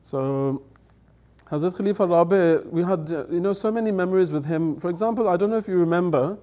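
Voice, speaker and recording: This guest elder, a middle-aged man who speaks English natively, shares chatty stories from a table on a dark-curtained studio set. He talks a little fast in a high, warm voice, laughing along and performing quoted dialogue.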